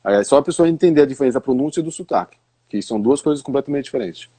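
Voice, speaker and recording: A man speaks in a middling, everyday pitch. He explains patiently as a teacher in a live online chat and repeats words to demonstrate them. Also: animated, very fast, mellow, slightly rough. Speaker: English teacher.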